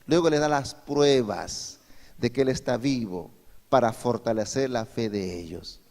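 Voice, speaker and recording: A man's voice: medium pitch, measured pace, darkish tone. A male pastor gives a Sunday sermon and keeps asking the congregation rhetorical questions. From Peru. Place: church hall. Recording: long hall reverb.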